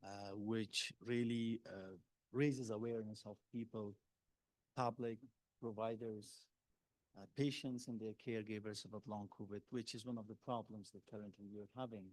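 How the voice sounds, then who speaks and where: A man from Afghanistan, a public health policy advisor, speaking on a panel with many pauses and filler sounds. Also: lowish voice, steady tone, darkish tone, no room sound, rough recording. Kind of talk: panel talk. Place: exhibit hall panel.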